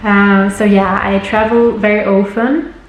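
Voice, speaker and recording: A woman's voice: medium pitch, flat delivery, a little slow, reverberant, soft background music, low-quality recording. A young woman from Lebanon giving travel tips in a friendly, explanatory scripted vlog. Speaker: travel vlogger.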